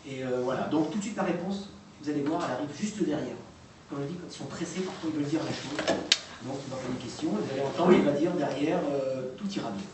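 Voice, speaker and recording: A man's voice: a little high, fast, a loud crowd. A man presenting recordings to a live audience in an informal, hesitant way, full of fillers and restarts. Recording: echoey room, distant mic, noisy.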